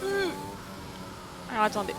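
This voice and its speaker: Over music and the roar of racing engines, a woman with a slightly high voice gives live gameplay commentary at a measured pace. She's excitable, addresses her viewers directly, and yelps and pokes fun at herself whenever she slips up.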